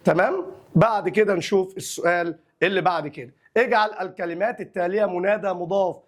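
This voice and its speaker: A young man with an Egyptian accent and a fairly high voice teaches a grammar lesson. He stretches out each example phrase slowly, then moves quickly through the explanation in an easy colloquial way.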